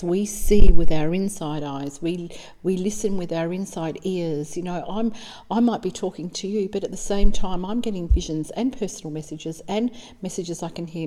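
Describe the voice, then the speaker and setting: An Australian woman, a psychic medium, giving an informal spiritual talk in a chatty, storytelling way. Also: fairly low pitch. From South Australia. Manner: warm storytelling, chatty with fillers. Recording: long reverb.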